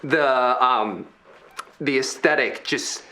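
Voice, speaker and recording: Slow, relaxed man running the game. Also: medium pitch. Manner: relaxed, playful, with sound effects. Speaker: dungeon master. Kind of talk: narrating a tabletop game.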